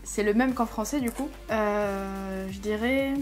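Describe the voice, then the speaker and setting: A woman's voice: medium pitch, unhurried, a little mellow, faint music behind. A woman hosting an English-learning channel, giving reaction commentary, explaining pronunciation step by step and thinking aloud as she sounds out words.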